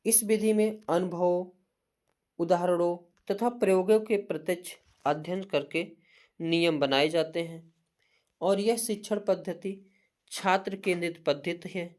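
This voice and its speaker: Speaking at medium pitch, a Hindi teacher presents an exam-prep lecture as a steady list of points. She frequently poses questions in the middle of sentences and answers them herself.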